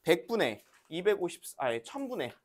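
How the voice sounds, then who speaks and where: Woman, elementary teacher, classroom math lesson, patient coaxing questions, very lively pitch. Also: normal speed.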